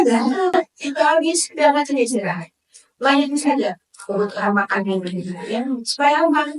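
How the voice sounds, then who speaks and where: A woman gives a lively talk on marriage to a live audience. She keeps slipping into high, dramatic voices to act out wives and husbands. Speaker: speaker at a religious study session. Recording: echoey hall, voice from far off.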